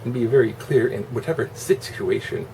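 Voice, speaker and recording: A man's voice: medium pitch, lively intonation, normal speed, creaky, mellow, recorded from a distance. A man giving a casual, opinionated monologue in a rambling, sarcastic, salty way. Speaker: online video host. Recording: constant air-conditioner hum, noisy room.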